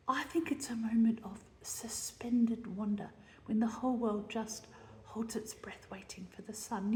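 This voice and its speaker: A woman's voice: mid-range voice, dark tone, a little hiss or hum. A woman composer giving a lesson on setting words to music, explaining her ideas as she thinks them through and often checking in with her listeners. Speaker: composer teaching text setting. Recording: roomy space with long reverb.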